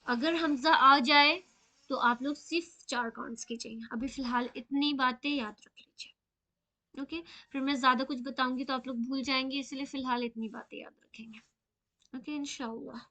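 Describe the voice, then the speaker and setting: A woman teaching Quran recitation rules in a live online class, patiently repeating and slowly drawing out example words. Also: high voice, sharp tone.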